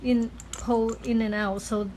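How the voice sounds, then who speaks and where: A woman with talks through a hands-on treatment as the practitioner. She is instructive but halting, pausing to find her words. There is clear noise behind her in the room. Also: a little high, flat delivery, mellow. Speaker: acupuncturist giving a cupping treatment. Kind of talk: explaining a treatment in casual talk. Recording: clearly noisy room recording.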